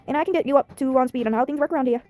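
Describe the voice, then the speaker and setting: Girl doing a friendly small-town lady, chatty and upbeat, high voice, quick. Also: mellow, dry recording, lightly acted.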